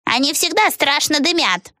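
A woman voicing a grumpy, hateful old tavern keeper woman in an audiobook, shrill and scolding. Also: expressive, normal speed, bright, forceful tone, dry recording, clean studio sound.

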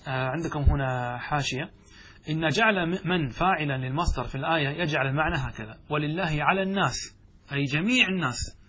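A man teaches Arabic grammar, reading the text aloud and explaining it step by step while often posing questions to the class and answering them himself. He speaks fast in a fairly high, sharp, slightly rough voice.

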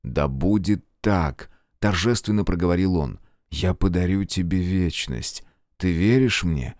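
A man voicing a courteous, demonic gentleman who speaks slowly and solemnly in an audiobook. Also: low voice, lively intonation, no echo, clean studio sound, voice pushed down. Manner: slow and solemn. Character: suave demonic male seducer, courteous and solemn.

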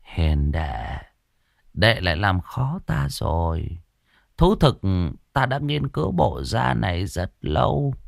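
A man voicing a frail, trembling clan elder over a hundred years old in a ghost story, speaking slowly and solemnly. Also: lowish voice, very animated, creaky, no echo, clean studio sound, full character voice. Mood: wry.

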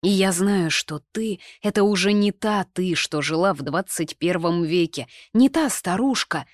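A woman voicing an excited, slightly drunk young man who keeps insisting to his fiancée. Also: fairly low pitch, moderate pace, no echo, studio quality. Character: young man, heroine's ardent, tipsy fiancé.

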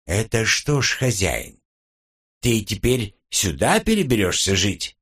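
A man's voice: fairly low pitch, sing-song, unhurried, husky, full character voice. A man voicing a fussy, folksy old male house spirit in an audiobook, grumbling and chatty. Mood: pleased. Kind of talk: audiobook character reading.

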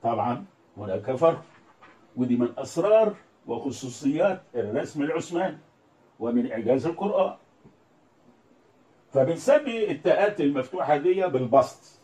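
A man's voice: mid-range voice, lively intonation, moderate pace, long pauses, dark tone. A man with an Egyptian Arabic accent teaching a religious lesson, explaining step by step and quoting verses in a recited tone. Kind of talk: religious lesson on Quran readings and script. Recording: echoey room, voice from a distance.

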